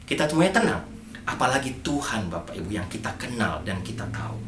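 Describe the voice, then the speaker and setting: A man's voice: lowish voice, sing-song, quick pace, fairly bright tone, a little hiss or hum. A middle-aged man preaching a sermon as pastor, emphatic and speaking directly to the congregation. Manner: emphatic, addresses congregation often. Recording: echoey church hall.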